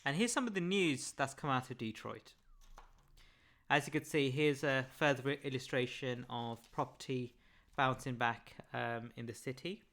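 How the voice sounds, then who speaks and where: A man presenting a webinar over slides, measured and often pausing with "um". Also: mid-range voice, a bit bright. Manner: measured, frequent "um" fillers.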